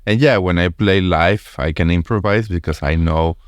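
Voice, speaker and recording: Deep-voiced host with a Spanish accent. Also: male voice, normal speed, no echo, studio quality. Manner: stammering restarts, relaxed and friendly. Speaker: podcast host. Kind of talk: casual interview chat in English.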